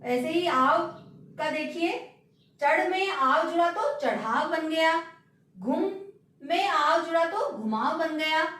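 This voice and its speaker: A woman's voice: extremely high pitch, lively intonation, takes it slowly, fairly bright tone. A woman teaching grammar, patiently repeating examples and asking rhetorical questions. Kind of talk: slow classroom explanation. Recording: very echoey room, distant mic.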